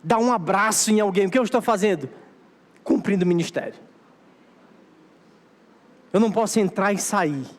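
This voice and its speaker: High-voiced Brazilian pastor preaching in a hall. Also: male voice, normal speed, long pauses. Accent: Brazilian Portuguese. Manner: exhorting, repetitive preaching cadence. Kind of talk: sermon. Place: church sanctuary. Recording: long hall reverb of a church.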